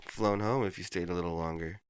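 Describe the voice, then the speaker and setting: A man's voice: sits low, steady tone, fairly quick, smooth. A man co-hosting a casual podcast who mostly reacts with short, profane agreement. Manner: laid-back listener, short profane reactions. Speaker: podcast co-host. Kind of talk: casual chat.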